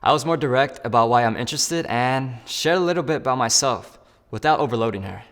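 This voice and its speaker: A fast-talking man with a medium-pitched, slightly bright voice role-plays a job candidate in a phone interview, recorded with a big-room sound. In this scripted piece he cheerfully steps aside to explain each stage to the viewer.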